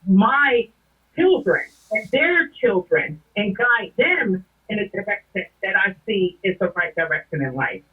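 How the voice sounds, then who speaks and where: A woman's voice: medium pitch, big pitch swings, a little slow, slightly rough. A woman guest in a casual chat, speaking directly and giving advice. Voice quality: direct, advising. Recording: tinny phone-like line.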